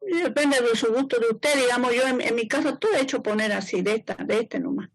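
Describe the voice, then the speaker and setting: In a fast, slightly high voice, a woman engineer lectures her class informally, repeating points and frequently checking with her students. The audio is poor and has no room sound.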